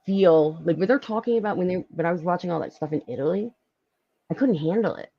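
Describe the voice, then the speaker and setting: A woman with a Philadelphia accent, hosting a casual live-stream chat, talkative and quick to laugh. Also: on the low side, dry recording, highs cut off. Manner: chatty, lively, laughs often, many fillers. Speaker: podcast host.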